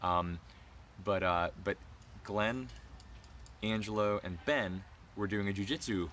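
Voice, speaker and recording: A man co-hosting a vlog, chatting excitedly and rambling in a casual recap. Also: lowish voice, slow pace, slight background noise. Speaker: vlog co-host. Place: outdoor campground.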